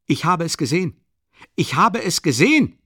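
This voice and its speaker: A man's voice: on the high side, expressive, moderate pace, a bit bright, dry recording, studio quality, voice pushed up. A man reading an audiobook, voicing an earnest young male idealist who shrilly and vehemently accuses someone, repeating himself. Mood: furious.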